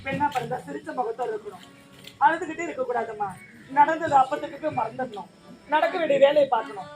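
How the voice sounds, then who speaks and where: A woman's voice: high-pitched, lively intonation, fast talker, a little mellow, faint music behind. A woman voicing a kindly village mother who soothes a crying stranger in a stage drama. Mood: soothing. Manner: soothing, coaxing. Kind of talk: Tamil stage drama acting.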